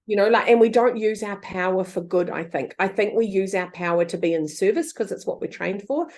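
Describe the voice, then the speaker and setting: A woman in her fifties chatting as a guest on an interview show. She talks in a lively way at a middle pitch, laughs easily and slips into playful quoted voices to make her point. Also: a little fast. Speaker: guest author. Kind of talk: casual interview chat.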